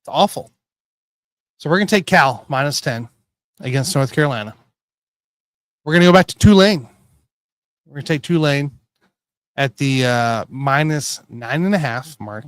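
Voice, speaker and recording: A man hosting a casual sports betting show, rambling and correcting himself as he tells excitable stories. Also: mid-range voice, moderate pace, pauses often, dry recording, studio quality. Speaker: podcast host.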